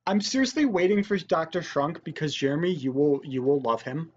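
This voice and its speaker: A man chatting casually and excitably through a let's play of a party board game, often saying dude. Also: a little high, brisk. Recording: dull mic with faint noise.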